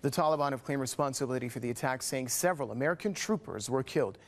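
A man's voice: medium pitch, fast. A man working as a news anchor, reading scripted news reports and putting questions to a correspondent.

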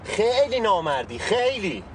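A man's voice: high-pitched, very animated. Bitter young man, stubborn, defiant, street noise. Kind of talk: TV drama acting.

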